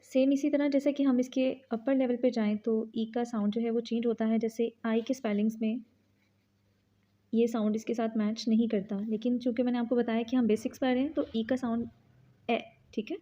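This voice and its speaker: A woman with a fairly high, mellow voice gives a phonics lesson, slowly sounding out each letter and its example words. The recording is dull and lo-fi. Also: little pitch movement. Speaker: teacher.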